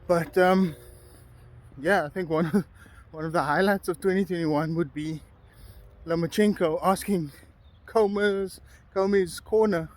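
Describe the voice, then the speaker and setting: A man giving casual, unscripted solo commentary as a vlogger, speaking haltingly with frequent pauses, outdoors on a walk. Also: high-pitched, steady tone. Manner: halting, pausing often mid-sentence. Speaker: boxing vlogger.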